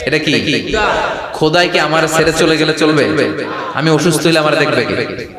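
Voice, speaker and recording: A man's voice: a little high, moderate pace. A man preaching a sermon with many questions to the crowd and stretches of chanted recitation. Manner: call-and-response questions, chanted Quranic recitation. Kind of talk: Bengali waz sermon. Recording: echoey PA sound from a large venue, crowd behind.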